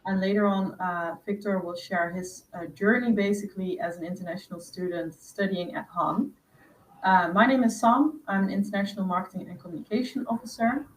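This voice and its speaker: A woman's voice: mid-range voice, steady tone, a little fast. A woman hosting a webinar for prospective students, explaining step by step with frequent fillers over a video call. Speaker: host. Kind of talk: webinar presentation. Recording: roomy distant mic with faint noise.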